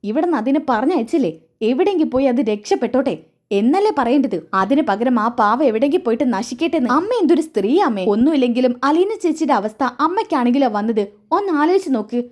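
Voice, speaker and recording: A woman's voice: high voice, expressive, brisk, a little mellow. A woman reading the lines of a weary young male college student arguing with his mother. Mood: pleading.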